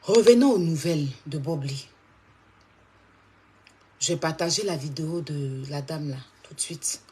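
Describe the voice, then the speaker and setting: A woman's voice: low voice, measured pace, a little mellow, slightly rough. A woman hosting a live stream, talking straight to her viewers and repeating her points insistently.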